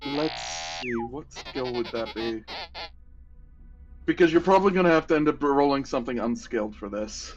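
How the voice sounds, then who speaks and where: A man's voice: mid-range voice, normal speed, soft background music. Man running a game, lo-fi audio. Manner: explains rules with easy laughter. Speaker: game master. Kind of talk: narrating a tabletop game. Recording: dull lo-fi audio.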